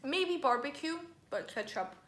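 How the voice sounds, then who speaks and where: A woman's voice: high voice, expressive, unhurried, a bit bright, slight background noise. Chatty woman vlogger in a roomy space. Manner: chatty, reads viewer comments aloud. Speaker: vlogger hosting a live stream. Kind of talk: casual live-stream chat while eating.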